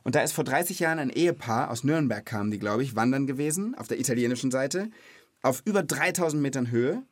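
Explaining things to a child on his kids' knowledge podcast, a man sounds animated and quick, his mid-range voice free of room sound. His style is informal and curious, and he checks back with questions.

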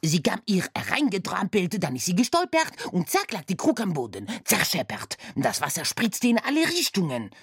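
A blustering, short-tempered older Frenchman from a children's storybook, as a woman puts him on. He snaps out his complaints in a husky voice that leaps up and down, recorded close and dry. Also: on the low side, huge pitch swings, moderate pace, hardly any pauses, no room sound, voice pushed up, full character voice. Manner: snappish, blustering, German with French slips. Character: grumpy older Frenchman, busy and snappish.

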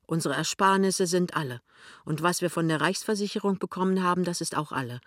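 A man's voice: high-pitched, a little fast, fairly bright tone, dry recording, studio quality. Lämmchen, a man doing a fiery young wife. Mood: firm. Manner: indignant, firm. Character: young working-class wife, fierce and principled. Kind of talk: audiobook dialogue reading.

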